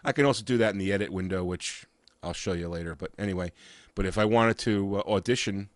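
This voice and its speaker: A man with a cold and a raspy voice, walking through software in a casual, halting way with frequent uhs and restarts. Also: deep voice, no room sound. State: has a cold. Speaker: software reviewer. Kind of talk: casual screen-share walkthrough.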